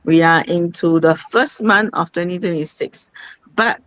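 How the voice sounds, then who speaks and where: A woman's voice: fairly low pitch, measured pace, a bit bright, no room sound, low-quality recording. A woman, hosting an online sharing session in a rambling, conversational way. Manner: conversational, rambling with many fillers. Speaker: host.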